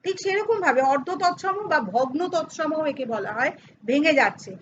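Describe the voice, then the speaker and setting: A woman's voice: high voice, lively intonation, normal speed, highs cut off, a little hiss or hum. A middle-aged woman teaching a grammar lesson to students, explaining step by step and asking and answering her own questions. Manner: addresses students informally, teasing aside.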